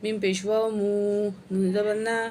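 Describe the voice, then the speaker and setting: A woman teaching Quran reading, slowly spelling out letters and syllables one by one, with brisk explanations in between. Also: medium pitch, flat delivery, darkish tone, a little hiss or hum. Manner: slow, drawn-out syllable-by-syllable drilling with brisk explanations.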